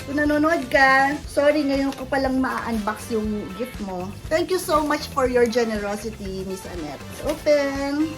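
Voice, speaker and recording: Music plays behind a middle-aged Filipino-accented vlogger as she unwraps presents, speaking in a high voice at an unhurried pace with few pauses. She's effusive, blends English and Tagalog, and expresses thanks to those who sent the gifts.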